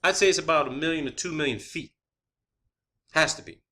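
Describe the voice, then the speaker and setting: A man with a fairly high, pushed, bright voice talks a little fast. He's an amateur science vlogger delivering an improvised, emphatic monologue full of profanity, repeating words for stress and checking his points with questioning tags.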